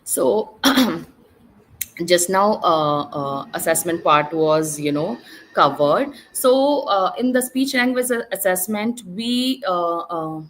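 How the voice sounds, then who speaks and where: A woman speech-language therapist presents to an online symposium over a video call. She explains her methods patiently and step by step, often pausing on fillers and restarting her sentences. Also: lowish voice, animated, slight background noise, rough recording.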